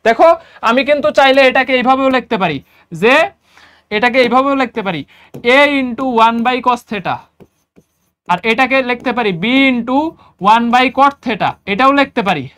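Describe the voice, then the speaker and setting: A man's voice: very high voice, lively intonation, moderate pace, pauses often, a bit bright. A man with a Bangladeshi Bengali accent teaching a casual exam-prep math lesson, repeating each step and quizzing his students. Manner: chatty, repeats key steps, asks students quiz questions. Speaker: math tutor.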